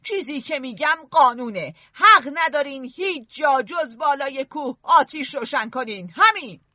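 A woman's voice: sits high, expressive, sharp tone, dry recording, dull audio. A woman voicing Ralph, an earnest, stern boy chief who lectures and scolds the others. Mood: angry.

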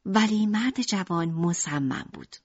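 A woman narrating an audiobook in an expressive storytelling manner. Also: medium pitch, breathy edge, no echo, lo-fi sound.

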